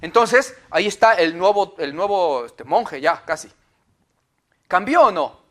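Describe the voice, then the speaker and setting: A Mexican-accented pastor with a notably high voice for a man preaches in a loose, conversational way. He keeps checking in with his listeners through quick tag questions. His tone stays informal and animated. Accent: Mexican Spanish. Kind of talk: conversational sermon.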